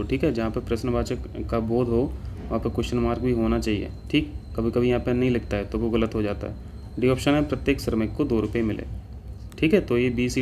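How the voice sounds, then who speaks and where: Dark-voiced man teaching an exam class. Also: mid-range voice, slight background noise. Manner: explains step by step, keeps checking with "ठीक है". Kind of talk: exam-prep lesson.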